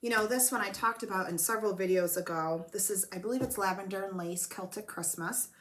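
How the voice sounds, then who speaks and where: A woman's voice: mid-range voice, a little fast, background noise. Woman host, home stitching chat, rambly and self-deprecating, a bit under the weather from a cold. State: coughing from a cold. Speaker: flosstube host. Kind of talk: casual show-and-tell chat. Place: home room with blanketed windows.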